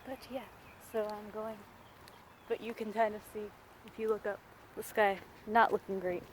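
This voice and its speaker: A woman's voice: mid-range voice, little pitch movement, normal speed, slight background noise. A woman vlogger and teacher chatting casually in a talkative, self-deprecating way. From Florida. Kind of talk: casual vlog chat. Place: outdoors on a walking path.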